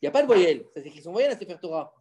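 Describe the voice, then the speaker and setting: A fairly high-voiced man teaching his children at home. He talks in an animated, insistent way, keeps firing questions at them and holds the floor. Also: racing. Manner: animated, quizzing listeners with questions. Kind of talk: casual Torah lesson at home.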